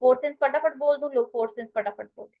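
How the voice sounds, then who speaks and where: Indian woman teaching grammar online, kinda high voice, muffled lo-fi sound, keeps calling students beta. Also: fast. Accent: Indian English. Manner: addresses students as beta, mixes Hindi and English. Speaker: English teacher.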